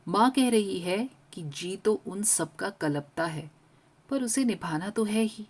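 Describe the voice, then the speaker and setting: A woman narrating a story in first person as a young girl, with an expressive reading. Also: mid-range voice, takes it slowly.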